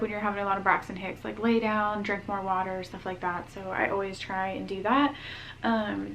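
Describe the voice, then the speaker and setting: A woman's voice: mid-range voice, slight background noise. A pregnant young woman giving a casual vlog update, chatty and full of ums and likes, a little out of breath. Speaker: vlogger.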